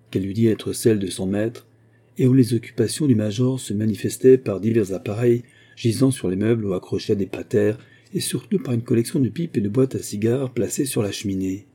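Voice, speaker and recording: Low dark-voiced male narrator. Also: a little fast, slightly rough. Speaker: audiobook reader. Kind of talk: scripted narration.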